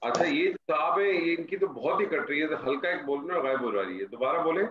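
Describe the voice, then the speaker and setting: A man teaching Arabic grammar over a call, his voice pitched high and patient as he repeats each example. The audio is dull and roomy. A faint noise runs underneath. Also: animated. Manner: patient, drills students with repeated example sentences. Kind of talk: online class teaching. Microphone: online call audio.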